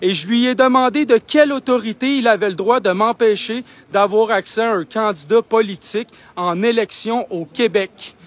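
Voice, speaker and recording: A man's voice: sits high, normal speed, few pauses. A young man with a Québécois French accent livestreaming on his phone outdoors, talking in an indignant, insistent, argumentative way. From Quebec. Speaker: independent livestreamer. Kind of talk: live street vlog. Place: outdoors outside a building.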